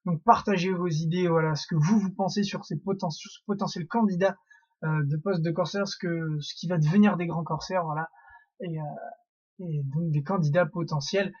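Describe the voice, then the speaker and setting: A man's voice: a little high, fairly even intonation, normal speed, darkish tone, breathy edge, lo-fi sound. A young man hosting a casual theory monologue, rambling with many fillers and restarts. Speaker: YouTube theory host.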